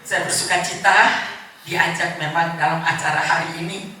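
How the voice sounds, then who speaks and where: A woman's voice: on the low side, fairly even intonation, pushed and bright. A woman in her seventies giving an earnest, heartfelt personal testimony at a church gathering, recorded from a distance in a large hall. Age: 70s. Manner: earnest, heartfelt, with short pauses. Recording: echoey hall, distant mic, background noise.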